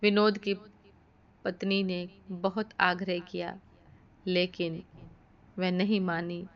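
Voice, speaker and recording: A woman narrating a devotional moral story in a slow, measured way. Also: lowish voice, flat delivery. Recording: dull lo-fi recording.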